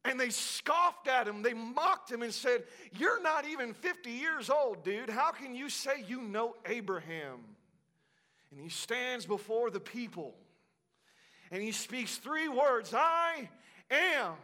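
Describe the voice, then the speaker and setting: A man preaching a sermon, building to shouted declarations and dropping to hushed, slow lines. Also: very high-pitched, sing-song.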